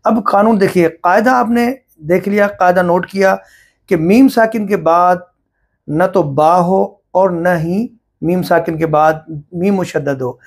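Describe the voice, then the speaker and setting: A middle-aged man teaching Quran recitation rules, explaining each point slowly and step by step. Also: high-pitched. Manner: slow, deliberate, explaining step by step. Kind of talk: religious lesson on recitation rules.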